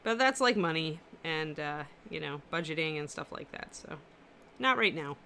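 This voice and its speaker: Her voice is deep, expressive and powerful, carrying well at a normal speed with a pushed, bright quality. She is a woman hosting a miniature painting livestream from her apartment, talking casually and answering comments from viewers as she paints. Slight background noise is present.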